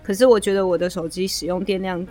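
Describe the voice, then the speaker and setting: A woman's voice: medium pitch, steady tone, fast, dark tone, faint music behind. A woman with a Taiwanese accent co-hosting a casual podcast conversation. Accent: Taiwanese Mandarin. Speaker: podcast co-host. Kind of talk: casual chat.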